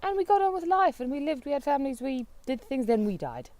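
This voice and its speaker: Woman from Britain, co-host, casual chat, lively swooping pitch, incredulous rhetorical questions. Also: fast.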